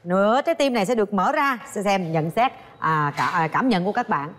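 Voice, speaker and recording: A woman's voice: medium pitch, animated, a bit bright. A woman hosting a dating show, playful and chatty, joking with the guests. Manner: teasing, chatty, quick to joke. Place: studio set of a dating show.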